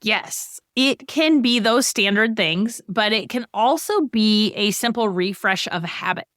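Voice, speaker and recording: A woman's voice: medium pitch, expressive, measured pace, a bit bright, no room sound, studio quality. A middle-aged woman on a financial podcast, explaining goal-setting with everyday examples in a conversational way.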